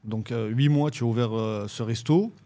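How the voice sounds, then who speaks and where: A man hosting a podcast interview in a studio, asking relaxed, casual questions. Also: mid-range voice, moderate pace. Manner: lively sponsor read, then relaxed questions. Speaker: podcast host.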